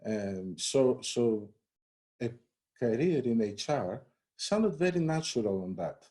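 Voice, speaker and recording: A man from Greece talks about his career as an interview guest, relaxed and conversational, with plenty of "you know" and small restarts. His voice is dark and mellow. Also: mid-range voice, slow. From Greece and the United States. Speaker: head of human resources, interview guest. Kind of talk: live-streamed interview.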